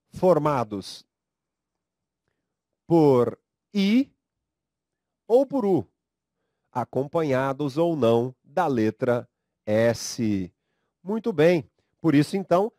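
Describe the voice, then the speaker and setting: A Brazilian man lectures on grammar in a measured, unhurried way, stretching out syllables for emphasis. His fairly high voice swings widely in pitch as he coaxes students along. The recording is dry and close, with no room sound. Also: a little mellow, dry recording. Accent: Brazilian Portuguese. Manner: slow, emphatic, drawn-out syllables; addresses students directly, coaxing them to read aloud. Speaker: teacher.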